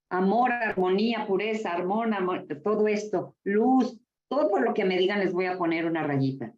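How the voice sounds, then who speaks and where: Expressive woman leading a workshop. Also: medium pitch. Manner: expressive, exclaiming, calls out to the audience. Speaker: workshop facilitator. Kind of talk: live workshop talk to a group. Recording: echoey, dull lo-fi room from far off.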